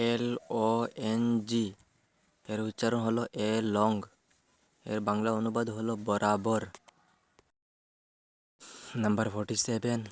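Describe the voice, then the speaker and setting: With a fairly low pitch and an even, measured delivery, a man teaches vocabulary. He goes through English words letter by letter and explains what they mean in Bengali.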